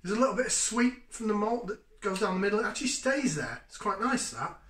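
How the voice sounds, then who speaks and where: A man's voice: sits high, very animated, quick pace, fairly bright tone. A man in his thirties reviewing a beer in his home kitchen, chatty and enthusiastic as he sniffs and sips. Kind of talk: casual beer tasting review. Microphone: fixed camera at table distance. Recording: echoey kitchen.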